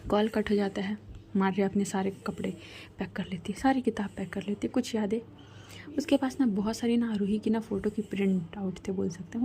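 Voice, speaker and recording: A woman storyteller, speaking softly and often close to a whisper. Her voice is warm and mellow, and she drifts into friendly asides to the listener. A faint hum of noise sits underneath. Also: mid-range voice, creaky. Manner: soft, half-whispered, chatty asides. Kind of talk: casual spoken storytelling.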